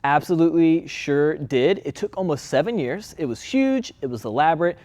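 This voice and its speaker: A man's voice: on the high side, animated, normal speed, darkish tone, lightly acted. A man playing King Solomon as a laid-back, chatty guest on a talk-show skit. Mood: earnest. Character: King Solomon, adult male king, friendly and casual.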